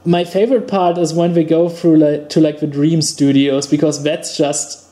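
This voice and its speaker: Rambling German man, mellow voice. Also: on the high side, flat delivery, moderate pace. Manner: enthusiastic, rambling with many restarts and fillers. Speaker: podcast co-host. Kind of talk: casual chat.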